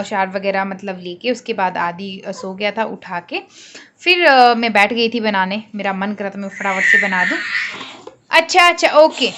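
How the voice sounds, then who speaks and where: A woman's voice: fairly high pitch, fairly bright tone, slight background noise. Chatty young mother vlogging at home. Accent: Himachali Hindi. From Himachal Pradesh, India. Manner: chatty, mixes English phrases, talks to her baby. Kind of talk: casual home vlog chat. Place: home, indoors.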